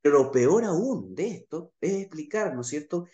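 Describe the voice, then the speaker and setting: A man's voice: a little high, lively intonation, normal speed, mellow, lo-fi sound. A middle-aged Chilean man giving an online talk over slides as a naturopath, explaining step by step and checking in with his listeners. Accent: Chilean Spanish. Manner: gestures with his hands while talking. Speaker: naturopath lecturer. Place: small indoor room, plain wall behind. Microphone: webcam on a video call. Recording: echoey room on a webcam.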